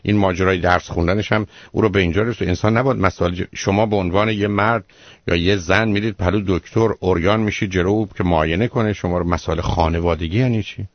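A man's voice: low voice, steady tone, no echo, highs cut off. A man hosting a radio call-in show as the advising doctor. He lectures the caller bluntly and keeps firing rhetorical questions.

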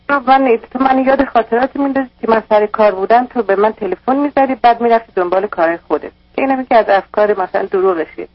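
A woman's voice: a little high, no echo. A woman calling a radio advice show, talking in a distressed, rambling way about her troubles. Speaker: caller. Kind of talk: call-in radio conversation. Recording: dull lo-fi radio broadcast.

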